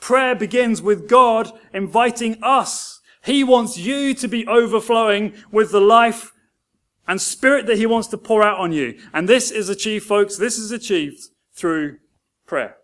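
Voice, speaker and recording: High-voiced male preacher. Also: a little slow, fairly bright tone. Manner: earnest storytelling preacher. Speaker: pastor. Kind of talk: sermon.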